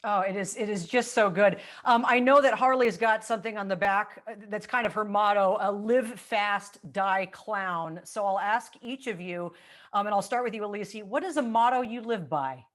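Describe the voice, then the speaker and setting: A woman's voice: mid-range voice, moderate pace, a bit bright. A woman hosting a press junket interview, upbeat and gushing, laughing often as she asks questions. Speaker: entertainment interviewer.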